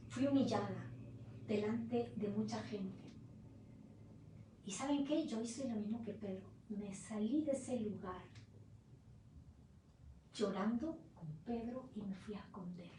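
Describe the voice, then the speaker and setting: A woman pastor preaching a sermon as emotional storytelling, moving from loud to hushed moments. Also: on the high side, slight background noise. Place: church hall. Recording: distant, very echoey room.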